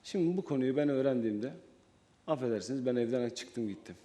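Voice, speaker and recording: A man's voice: mid-range voice, animated, brisk, mellow. A man appearing as a talk show guest, telling his account hesitantly and then with emphasis.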